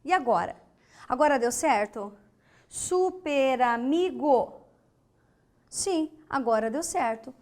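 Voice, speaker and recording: A woman's voice: on the high side, expressive, a little mellow. A Brazilian woman teaching an online grammar lesson, spelling out words syllable by syllable and posing questions to the students. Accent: Brazilian Portuguese. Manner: slow, emphatic, spells out syllables and asks rhetorical questions.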